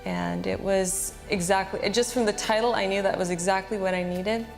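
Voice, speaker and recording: A woman with a mid-range, creaky voice gives a personal testimony, recounting events earnestly and plainly at normal speed with a steady tone. Background music plays as a bed beneath her voice.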